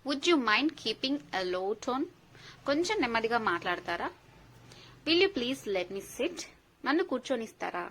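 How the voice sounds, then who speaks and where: A woman teaching polite English phrases, reading each one slowly and then giving the translation quickly. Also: on the high side, very animated, fairly bright tone, slight background noise, rough recording. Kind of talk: slow phrase-by-phrase language lesson.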